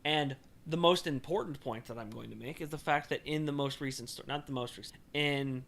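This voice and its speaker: A man's voice: medium pitch, a little fast, gravelly, a bit bright. A man co-hosting a casual podcast, rambling with many fillers and restarts. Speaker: podcast co-host. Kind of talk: casual chat about card games.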